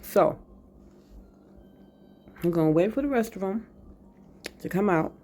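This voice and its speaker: Baking in her home kitchen, a woman chats with her viewers in an animated, mellow, mid-range voice at a measured pace. She hums while tasting and sometimes talks with her mouth full. Faint music plays behind her.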